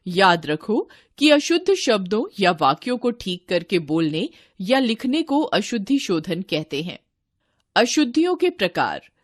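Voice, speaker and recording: Slow, lively woman teaching children. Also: mid-range voice, no echo, studio quality. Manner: addresses children, repeats each word twice. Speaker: teacher reading a textbook lesson. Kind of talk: scripted lesson narration.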